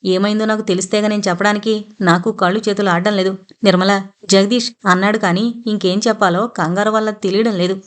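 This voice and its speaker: A woman's voice: mid-range voice, fairly even intonation, a little fast, close to an everyday voice. A woman reading an audio novel, voicing an older father who is flustered and anxious.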